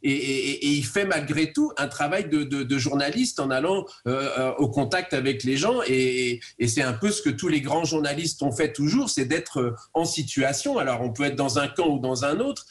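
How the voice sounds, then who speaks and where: A man speaking as a guest in a studio radio debate, halting and repeating words as he builds his point. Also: medium pitch, animated.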